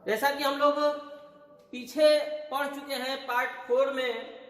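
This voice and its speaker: Male tutor, high voice, patient step-by-step explainer, echoey room. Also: fairly even intonation, unhurried, fairly bright tone. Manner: explains step by step, counts aloud, checks understanding. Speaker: math teacher. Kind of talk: classroom math lesson. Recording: echoey room with long reverb.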